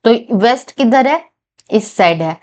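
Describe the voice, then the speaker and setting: A woman teaching a whiteboard reasoning lesson, reading each English statement slowly and carefully and checking in with her viewers. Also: a little high, lively intonation, a little mellow. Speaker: reasoning tutor for bank exams.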